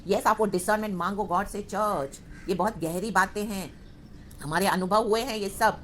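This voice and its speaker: A woman's voice: medium pitch, normal speed, a bit bright. Lady preacher going all in, amens and hallelujahs, tongues, bit of hiss behind. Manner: fervent, calls out amen and hallelujah, breaks into speaking in tongues. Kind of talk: Pentecostal sermon with tongues.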